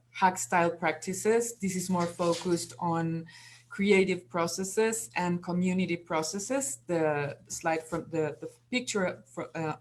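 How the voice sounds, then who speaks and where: Woman from Mexico, unhurried, hesitant panel speaker. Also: lowish voice, slight background noise. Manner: hesitant, many fillers and restarts. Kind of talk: online panel talk.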